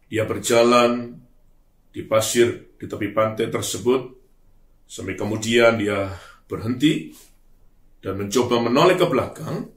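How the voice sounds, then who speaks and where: A male pastor preaching a sermon in an earnest, emphatic way, letting phrase ends trail off softly. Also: fairly low pitch. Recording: roomy echo.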